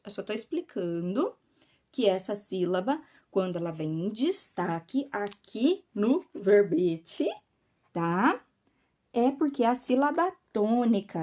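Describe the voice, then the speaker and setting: A woman with a Brazilian Portuguese accent teaching a class to children, explaining slowly and patiently and often checking that they follow. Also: mid-range voice, warm tone.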